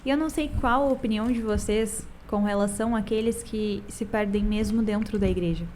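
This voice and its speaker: A woman hosting a youth church podcast, speaking in a calm, exhortative way and putting questions to her guests. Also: mid-range voice, fairly quick, slight background noise. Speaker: podcast host. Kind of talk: reflective devotional talk.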